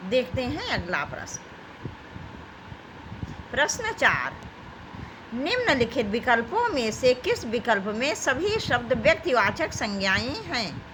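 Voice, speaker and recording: A woman's voice: a little high, very animated, unhurried, pauses often, background noise. A woman teaching an exam-prep grammar lesson, reading out questions and options and addressing her students as children. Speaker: Hindi teacher.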